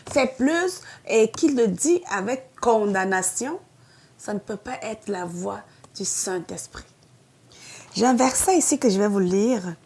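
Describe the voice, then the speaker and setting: A middle-aged woman pastor with a Québécois French accent delivers a short devotional message. Her voice sits a little high and she speaks earnestly, pleading at times and pushing hard on her key points. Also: a little mellow. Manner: earnest, pleading, rising to emphatic outbursts.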